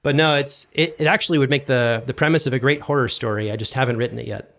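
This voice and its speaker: Quick-talking and fairly bright in tone, this medium-pitched man is a podcast guest who produces audio dramas and designs sound. In the relaxed interview he keeps backtracking and repeating himself hesitantly.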